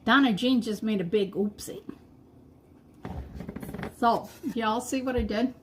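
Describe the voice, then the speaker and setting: Middle-aged woman, live craft-stream host; unhurried, chatty, laughs at her own slips; faint noise behind. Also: fairly high pitch. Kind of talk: casual live-stream chat while painting.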